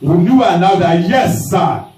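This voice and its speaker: A man preaching a storytelling sermon in a dramatic, emphatic way with sudden shouts. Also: sits high, expressive, unhurried. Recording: roomy hall, mic at a distance.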